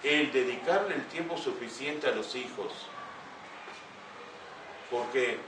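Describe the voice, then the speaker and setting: An older man speaks earnestly to a young audience, stopping often to ask rhetorical questions. His voice comes from some way off the mic in an echoey room, with steady room noise behind him. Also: medium pitch, slow. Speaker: speaker giving a talk. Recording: echoey room heard from a distance.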